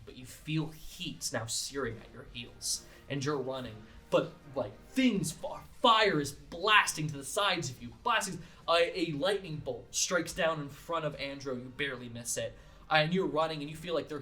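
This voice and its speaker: Bright-voiced male game master. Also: on the high side, normal speed, soft background music. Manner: casual, animated, swears and laughs while narrating. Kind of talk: narrating a tabletop game.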